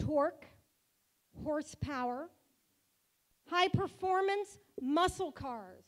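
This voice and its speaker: A woman, the synagogue president, giving a joking, warm-hearted speech at a banquet held in a car museum hall. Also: high voice. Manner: playful, joking speaker.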